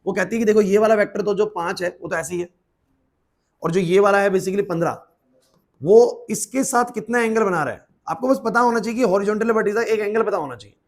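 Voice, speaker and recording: A man teaches physics to a class in a quick, high voice. He fires questions at students, calls them by name and keeps urging them to focus. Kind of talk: classroom lecture.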